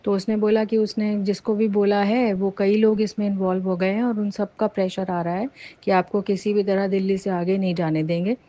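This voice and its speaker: A woman recounting a personal testimony in a casual, animated way, with many fillers and restarts. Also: mid-range voice, moderate pace, muffled recording. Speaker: devotee sharing a testimony. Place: lives near Jaipur.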